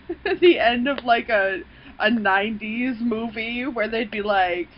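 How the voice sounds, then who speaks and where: A woman's voice: fairly high pitch, a little slow, slight background noise. Laughing, swearing woman on a muffled podcast. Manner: laughs often, animated, swears casually. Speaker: podcast co-host. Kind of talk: casual podcast chat.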